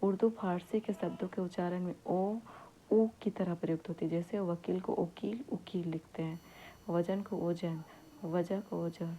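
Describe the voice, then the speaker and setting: A woman teaching an exam-prep grammar lesson, saying each example word slowly and then repeating it. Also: lowish voice, steady tone, mellow, breathy edge, poor audio.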